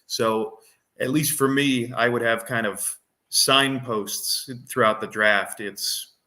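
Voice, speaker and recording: A man's voice: mid-range voice, fairly even intonation, slow, bright, forceful tone. A man co-hosting a fantasy football podcast, explaining his reasoning in casual chat and thinking aloud with frequent restarts and fillers.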